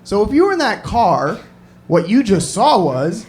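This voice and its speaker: A male stand-up comedian telling a story on a club stage, animated and building up to shouted punchlines. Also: high voice, measured pace, a little hiss or hum.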